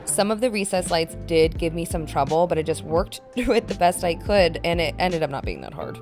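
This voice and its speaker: Young woman, low voice, upbeat chatty vlog narration, filmed at arm's length, soft background music. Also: sing-song, a little fast. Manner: chatty and upbeat, shouts in frustration at times. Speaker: DIY renovation vlogger. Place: small trailer under renovation, indoors.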